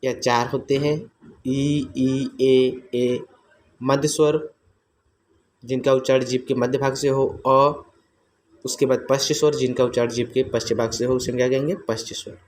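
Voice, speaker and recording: A man's voice: medium pitch, steady tone, fairly quick, a little mellow. Man teaching with a faint hiss behind. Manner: asks and answers his own questions, repeats terms. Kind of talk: exam-prep grammar lesson.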